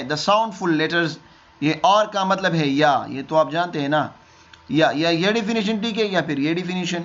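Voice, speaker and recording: A man's voice: a little high, a bit bright. A man teaching a beginners' lesson, explaining step by step and answering his own questions. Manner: asks questions and answers them himself, repeats key words. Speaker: English teacher. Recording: dull lo-fi recording.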